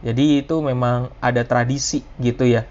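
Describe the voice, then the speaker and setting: A man's voice: medium pitch, flat delivery, normal speed, a little mellow. A man giving a live online lecture in a loose, conversational way, full of fillers and restarts. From Indonesia. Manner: casual, conversational teaching with frequent fillers and restarts. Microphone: video call. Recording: dull lo-fi video call audio.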